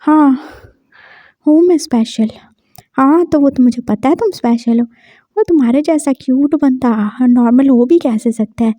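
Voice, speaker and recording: A woman's voice: high voice, unhurried, no echo. A woman voicing a teasing, protective young man. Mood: playful. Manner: teasing, then gently soothing.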